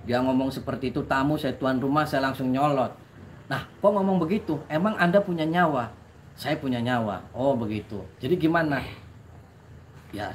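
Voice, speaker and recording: A man with a fairly high voice tells a personal story with animated energy. He acts out the other people in it and often corrects himself as he goes. A faint hum of ambience sits behind him. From Indonesia. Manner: lively, acts out quoted voices, many self-corrections. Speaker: spiritual healer recounting his story.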